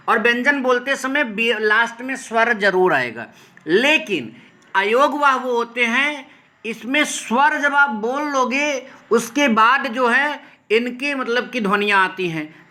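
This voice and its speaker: A man teaching Hindi grammar, explaining step by step, often checking in with the class and slowing down to sound out individual letters. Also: very high-pitched, sharp tone. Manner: repetitive, checks in with "ठीक है" often. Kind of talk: explaining a lesson over slides.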